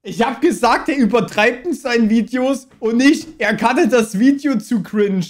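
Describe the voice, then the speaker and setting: High-voiced young man streaming. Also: normal speed. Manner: slangy, loose and rambling. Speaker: streamer reacting to a video. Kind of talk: casual reaction commentary. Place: small streaming room with gaming chair. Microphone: boom mic on arm, wearing headphones.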